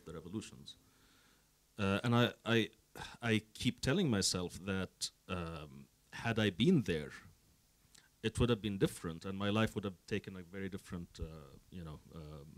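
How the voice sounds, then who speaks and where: Deep, earnest man from the Emirates. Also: unhurried, no echo. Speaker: panel guest, activist. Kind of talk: panel discussion answer.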